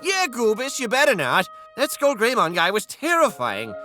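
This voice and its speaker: A man's voice: extremely high pitch, wildly swooping pitch, normal speed, bright, forceful tone, faint music behind, exaggerated voice. A man voicing a snarky, lecturing cartoon character with a sarcastic, pointed delivery. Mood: smug scolding.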